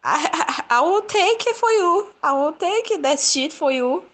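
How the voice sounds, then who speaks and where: Slow-talking woman in broken English. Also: extremely high pitch, lively intonation, a bit bright. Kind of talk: comedy skit.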